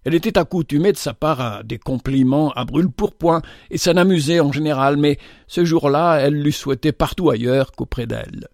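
A man reading a novel aloud in measured, even storytelling narration. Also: a little high, no echo, studio quality. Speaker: audiobook narrator.

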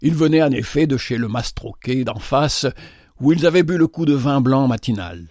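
A man narrates a novel in a measured, expressive read. His voice sits at a middle pitch, and the recording is dry and close, with no room sound around it. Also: no room sound.

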